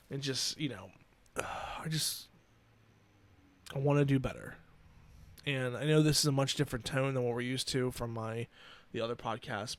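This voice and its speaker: A man in his twenties hosting a solo podcast, earnest and emotional, talking haltingly with many restarts. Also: mid-range voice. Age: 20s. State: emotional, near tears. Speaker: podcast host. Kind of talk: personal solo podcast talk.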